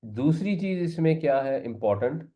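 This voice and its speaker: Male teacher, patient step-by-step explainer who mixes in English words, medium pitch, dull lo-fi recording. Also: lively intonation, mellow. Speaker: Quran teacher. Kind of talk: classroom lesson on Arabic grammar. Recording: slightly muffled lo-fi recording.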